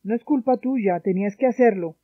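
A woman reading the part of a young male soldier who calmly reassures his comrade, heard through a dry, tinny phone-like sound. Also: mid-range voice, a little fast, no room sound, lightly acted. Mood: consoling.

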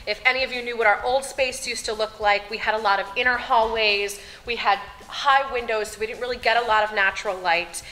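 A woman's voice: fairly high pitch, steady tone, fairly quick, few pauses, pushed and bright, poor audio. A middle-aged woman, a choir teacher, talking enthusiastically on camera in a large classroom. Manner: enthusiastic, gestures broadly while talking. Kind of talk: on-camera school interview. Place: large bright empty classroom.

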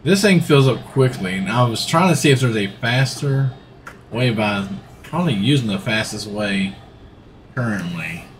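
A middle-aged man with a fairly low voice and lively intonation livestreams a farming game from a gaming seat in his home room. He chats easygoingly and rambles at a moderate pace while playing, with slight background noise.

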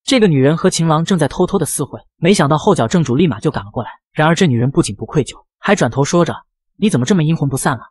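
A man narrating a comic recap in a rapid, dramatic storytelling manner. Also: on the high side, animated, slightly rough, dry recording, clean studio sound.

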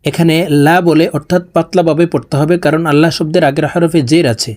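A woman teaching Quran reading, chanting verses word by word in long drawn-out phrases and explaining the rules. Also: low-pitched, little pitch movement, a little mellow. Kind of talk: melodic Quran recitation with spoken tajweed explanations.

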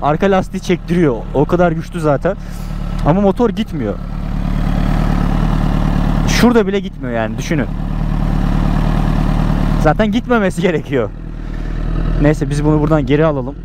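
A young man chatting to his viewers while riding a motorcycle on a snowy road, talking excitably into a helmet camera. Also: a little high, normal speed, pauses often. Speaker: motovlogger. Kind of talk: casual motovlog commentary. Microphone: helmet-mounted action camera. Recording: loud engine and wind noise. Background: motorcycle engine.

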